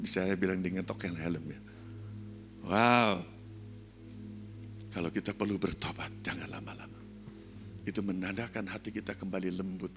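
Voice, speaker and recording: An older man, a pastor, preaching a sermon, moving between soft low asides and loud, high-pitched exhortation. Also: vocal fry. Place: church sanctuary.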